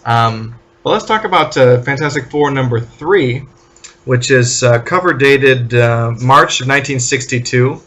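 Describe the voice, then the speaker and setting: A man co-hosting a podcast, talking casually and animatedly about old comic books and briefly acting out characters' lines. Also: mid-range voice. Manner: animated, acts out characters' lines in quick asides. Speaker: podcast co-host. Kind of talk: casual comic book discussion.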